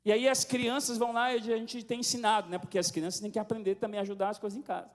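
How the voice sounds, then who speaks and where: Brazilian male pastor, high tenor voice, chatty storytelling sermon, big church reverb. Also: level tone, very fast. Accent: Brazilian Portuguese. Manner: conversational storytelling with frequent tag questions. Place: church sanctuary. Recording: long hall reverb.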